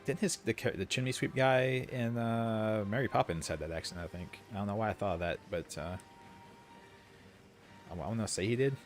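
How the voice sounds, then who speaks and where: A man's voice: fairly low pitch, brisk, faint music behind. A man streaming a video game, giving casual commentary with rambling, opinionated asides. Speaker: gaming streamer.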